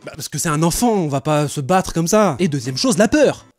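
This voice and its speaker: A young man tells a comic story to his viewers at a rapid clip. His voice sits a little high for a man, and he swings between loud, animated bursts and low, muttered asides. Faint music plays underneath. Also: no echo. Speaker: YouTuber telling a story.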